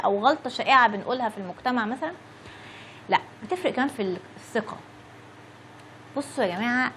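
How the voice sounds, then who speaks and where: A woman's voice: a little high, a bit bright, a little hiss or hum. A woman in her thirties with an Egyptian Arabic accent, chatting to viewers as an English teacher and checking in with a frequent "okay?". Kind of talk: casual lesson talk to viewers.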